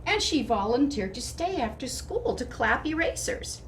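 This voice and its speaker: Animated woman reading a storybook aloud. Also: high voice. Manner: deliberate, emphatic phrasing with asides to listeners. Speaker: storybook reader. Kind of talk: expressive read-aloud narration for children. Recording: distant mic with clear background noise.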